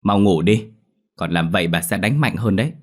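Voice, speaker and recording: A stern old grandmother in a storybook ghost tale, as a male narrator voices her. She speaks firmly and readily turns to scolding. Her voice stays low and plain. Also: moderate pace, darkish tone. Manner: scolding, firm.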